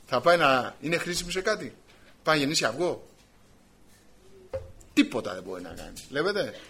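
A man preaching a sermon, animated, swinging between loud emphasis and quiet asides. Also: on the high side, slight background noise.

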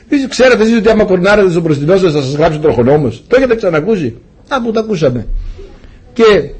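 A man's voice: sits high, darkish tone, husky. A man preaching a sermon to his congregation, telling a personal story with rhetorical questions.

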